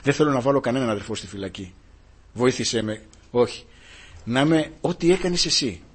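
A man preaching an impassioned sermon, swinging from hushed tones to shouted rhetorical questions. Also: medium pitch, husky.

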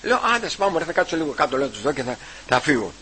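A man giving a personal testimony at church. He retells the conversations and keeps repeating "I say" and "he says", with halting restarts. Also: fairly high pitch, animated, sharp tone, slight background noise, low-quality recording.

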